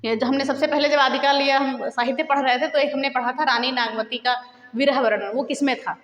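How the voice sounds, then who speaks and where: ऊँची आवाज़ वाली महिला शिक्षिका, गूँजते कमरे में. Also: female voice, high voice, fairly even intonation, fairly bright tone. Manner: brisk list-reading with quiz questions to viewers. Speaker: teacher. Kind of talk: exam-prep lesson. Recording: echoey room with long reverb.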